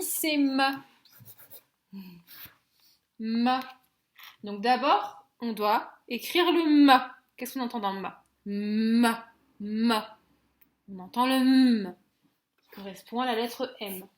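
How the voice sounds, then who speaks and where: A woman teacher with a French accent giving a slow phonics lesson to young children, sounding out each letter and syllable clearly and gently. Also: high voice. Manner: gentle and encouraging toward children.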